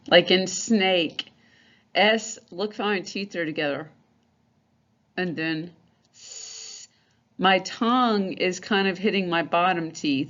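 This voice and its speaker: A woman teaching a phonics lesson, patiently repeating each letter sound and explaining how the mouth forms it. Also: lowish voice. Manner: slow, patient, repeats sounds many times. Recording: dull lo-fi recording.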